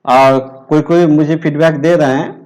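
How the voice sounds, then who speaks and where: A man teaching a math lesson, explaining slowly and deliberately. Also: fairly high pitch, steady tone, darkish tone, low-quality recording.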